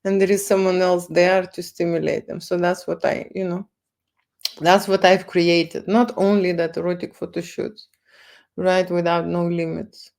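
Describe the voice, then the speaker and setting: With a lowish, slightly mellow voice and vocal fry, a Lithuanian-accented woman talks to livestream viewers about her photo studio at a measured pace. Her delivery is flat and casual; she repeats words and tacks "okay" and "right" onto her lines.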